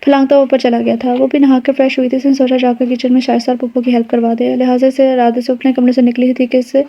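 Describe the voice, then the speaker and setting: A woman narrating a romance novel in a steady, quick reading. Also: high voice. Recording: dull lo-fi audio.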